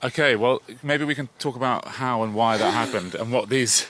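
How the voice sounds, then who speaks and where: A man's voice: medium pitch, moderate pace, fairly bright tone. A man co-hosting a podcast on a walk outdoors, asking rambling, hesitant questions. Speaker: podcast co-host, interviewer. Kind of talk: casual walking conversation.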